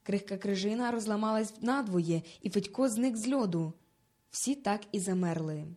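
A woman narrating a children's story in a lively, dramatic reading style. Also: mid-range voice, moderate pace.

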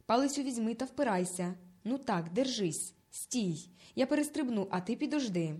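A woman's voice: fairly high pitch, expressive, normal speed, natural voice. A woman doing a bold, bossy village boy. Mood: commanding. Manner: commanding, urgent, pushed loud.

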